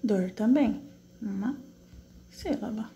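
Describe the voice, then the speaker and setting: In an online class, a woman teacher patiently works through exercises, posing questions and answering them herself one step at a time. Her mid-range voice has a dark tone, and there's a faint hiss or hum. While typing, she spells out syllables slowly and stretches them.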